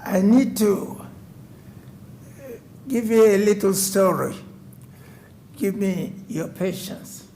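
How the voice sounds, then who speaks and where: A man in his nineties from West Africa gives formal personal testimony to a code enforcement board in a city council chamber. His high-pitched, mellow voice moves very slowly with frequent pauses, and there's slight background noise.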